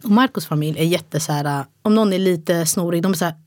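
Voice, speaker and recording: A woman's voice: fairly low pitch, no echo. A woman in her thirties co-hosting a podcast, telling stories in casual chat and acting out what others said. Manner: animated storytelling, acts out quoted voices. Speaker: podcast co-host. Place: podcast studio.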